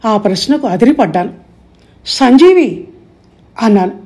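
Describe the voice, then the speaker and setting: A woman narrating an audiobook story in a steady, measured way. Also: mid-range voice, breathy edge.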